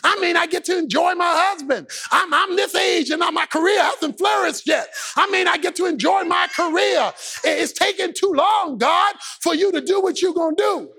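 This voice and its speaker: Impassioned shouting preacher, high gravelly voice. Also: male voice, normal speed, few pauses. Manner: impassioned, sing-song preaching cadence. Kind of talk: shouted sermon.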